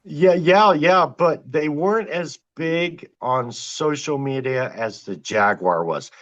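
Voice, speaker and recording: A man's voice: fairly high pitch, slow pace. Storytelling man on a dull lo-fi line. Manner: excited, animated retelling with quoted exclamations. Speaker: guest, trail camera wildlife filmer. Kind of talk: storytelling in a podcast interview.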